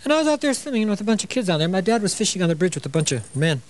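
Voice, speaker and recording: An older man from Illinois, very animated and rapid-fire, hosts a televised sewing demonstration from a studio, full of "you know" and joking asides. His voice sits high, and the audio is poor.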